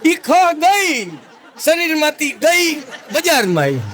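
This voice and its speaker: A man's voice: very high voice, slow pace, some chatter behind. A middle-aged man with a Kathiawadi Gujarati accent, telling funny folk anecdotes on stage and acting out the people in them. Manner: lively folksy storytelling, acts out the people in his stories. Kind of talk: live stage storytelling.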